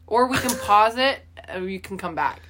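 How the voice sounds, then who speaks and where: Young woman, bright voice, animated pitch, playful podcast co-host, faint hum behind. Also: moderate pace. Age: young adult. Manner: playful, teasing, laughs often. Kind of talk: casual chat.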